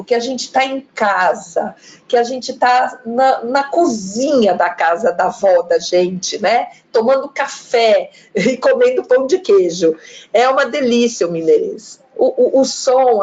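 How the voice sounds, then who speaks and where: A woman's voice: a little high, darkish tone, muffled recording. A woman giving a chatty live online talk, demonstrating different pronunciations. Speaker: lecturer on pronunciation. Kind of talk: live online talk, reading viewer comments.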